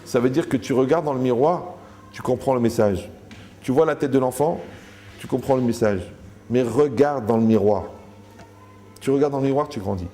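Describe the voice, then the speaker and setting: A man's voice: medium pitch, normal speed, pauses often, warm tone. A man giving a Torah lecture to a live audience, joking, asking the room questions and acting out the people he quotes.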